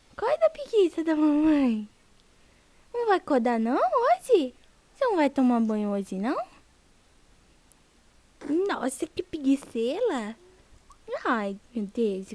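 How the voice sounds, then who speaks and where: A young mother gently coaxing her baby awake in soft, sing-song baby talk. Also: high-pitched. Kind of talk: home video baby talk.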